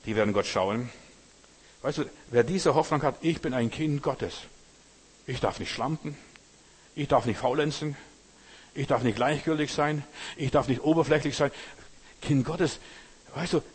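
Preacher, male, husky voice, earnest and repetitive, talks straight to the listener. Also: medium pitch. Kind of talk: sermon.

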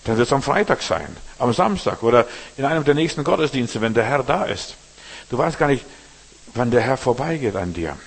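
A male pastor delivering a sermon with a husky, slightly rough voice. He drives points home by repeating them and drops suddenly to near-murmurs before rising again. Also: big pitch swings, moderate pace. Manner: preaching with emphatic repetition and sudden shifts between loud calls and low murmurs.

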